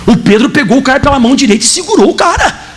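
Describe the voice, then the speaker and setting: A man, a pastor preaching a sermon in church, telling his testimony in an animated way and acting out the dialogue. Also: extremely high pitch, rapid-fire, slight background noise.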